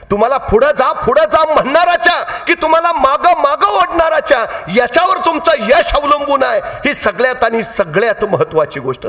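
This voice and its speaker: A male orator giving a motivational public lecture full of storytelling, dramatic and swinging between hushed and shouted emphasis. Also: high-pitched. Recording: echoey hall.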